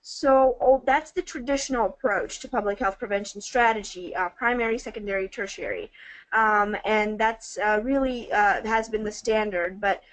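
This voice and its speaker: A woman's voice: mid-range voice, moderate pace, no echo, rough recording. A woman co-hosting a webinar, presenting a topic over a call with many ums and uhs. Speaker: webinar co-facilitator.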